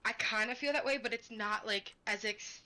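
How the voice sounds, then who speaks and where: A woman's voice: a little high, fairly quick, pushed and bright. A woman chatting casually on a voice call, often trailing off mid-thought.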